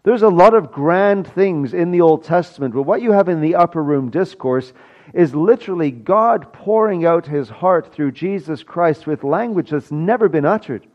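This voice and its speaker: A male pastor preaching a sermon in a conversational way, with asides and filler pauses. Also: a little high, lively intonation, lo-fi sound.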